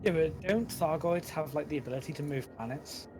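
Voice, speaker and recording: A man's voice: on the high side, fairly quick. Man chatting over noisy headset audio. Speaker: player in a group voice chat. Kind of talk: casual gaming chat.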